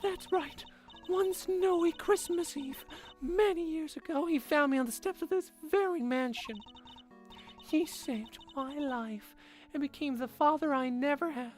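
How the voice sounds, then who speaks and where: Demure devoted young woman, put on by a woman: old-time Hollywood accent, genteel, pitched high. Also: measured pace, a little mellow, soft background music.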